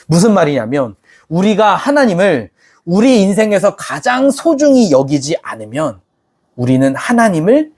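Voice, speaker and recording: A man's voice: high-pitched, sing-song, normal speed, darkish tone. A man preaching a sermon as pastor, speaking casually to the congregation, asking them questions and acting out quoted voices. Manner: conversational, asks the congregation questions.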